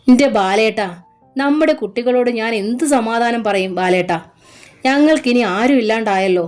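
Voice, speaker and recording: A woman's voice: fairly high pitch, normal speed, a little mellow, faint music behind, natural voice. A woman voicing a distraught wife, wailing and half mad with grief. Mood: despairing.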